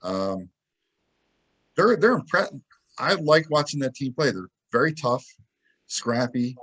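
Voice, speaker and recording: A man co-hosting a sports podcast, telling game stories in a lively, casual way and acting out what people said. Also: medium pitch, slow pace, slightly rough. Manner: animated storytelling, acts out quotes. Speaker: podcast co-host.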